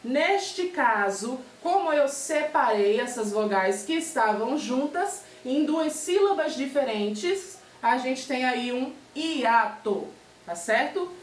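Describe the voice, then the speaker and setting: A Brazilian woman teaching a remote primary school lesson, patiently spelling out examples and checking in with her pupils. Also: high voice. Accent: Brazilian Portuguese. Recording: echoey room, far from mic.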